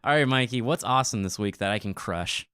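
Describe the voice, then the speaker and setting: A man co-hosting a podcast in casual chat, excitable and playfully teasing. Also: on the low side, fast, clean tone, dry recording, studio quality. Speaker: podcast co-host.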